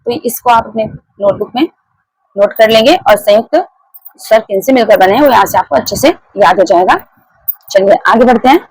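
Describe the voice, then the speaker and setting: A woman's voice: fairly high pitch, moderate pace, a little mellow, slightly rough, dry recording, low-quality recording. A woman teaching a grammar lesson, explaining step by step, repeating key points and putting questions to her students. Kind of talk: classroom lecture.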